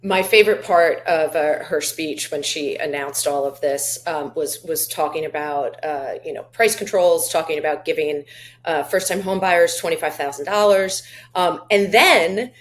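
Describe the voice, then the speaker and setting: A woman's voice: deep voice, moderate pace. A woman co-hosting a political interview, asking questions in a chatty, exasperated way. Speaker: co-host.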